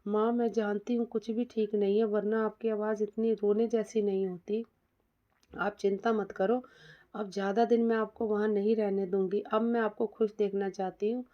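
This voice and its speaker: A woman's voice: mid-range voice, flat delivery, moderate pace, lightly acted. A woman voicing a caring young daughter who reassures her mother, in a dull lo-fi recording. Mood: reassuring.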